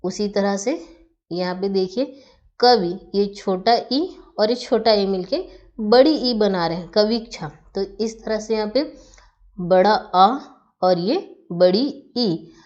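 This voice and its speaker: A woman teaching a grammar lesson, who explains each step slowly, asking questions and then answering them herself. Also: medium pitch, a little mellow. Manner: patient, asks and answers her own questions. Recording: dull lo-fi recording.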